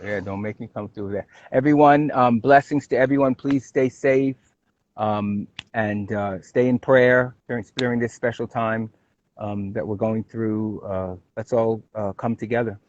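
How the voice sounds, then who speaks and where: A man from Brooklyn talks as a guest in a casual livestream chat. He speaks at an ordinary pitch and often stalls on fillers and restarts. The audio is dull and lo-fi. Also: steady tone, a little mellow. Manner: halting, many fillers and restarts, laughs easily.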